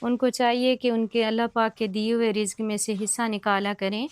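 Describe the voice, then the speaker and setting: Soft-spoken woman consoling a family. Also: fairly high pitch, little pitch movement, clean tone, no echo. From Pakistan. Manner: gentle, consoling, asks soft leading questions. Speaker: charity worker visiting a family. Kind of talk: sympathetic on-site interview.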